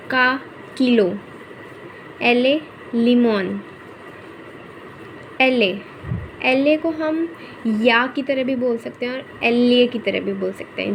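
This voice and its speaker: A woman's voice: a little high, a little hiss or hum, rough recording. A woman teaching a Spanish pronunciation lesson in Hindi, repeating each example word patiently and saying "okay" often.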